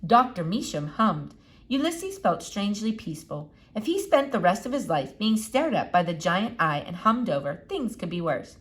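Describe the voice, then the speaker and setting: With a moderate pace and a voice in the middle range, this audiobook reader tells a children's story expressively. She narrates the book aloud in a lively storyteller's manner.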